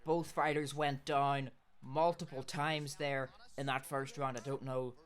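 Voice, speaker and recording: A man giving play-by-play commentary on a video game fight, shouting at big hits and losing his voice from all the shouting. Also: mid-range voice, little pitch movement, measured pace.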